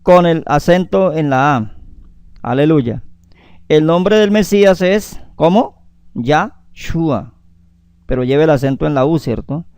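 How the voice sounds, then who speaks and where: A man's voice: on the high side, expressive, a little slow, a little mellow, clean tone, no echo, studio quality. A man preaching a sermon on the weekly Torah portion, calling his listeners beloved, interjecting hallelujah often and citing chapter and verse at length.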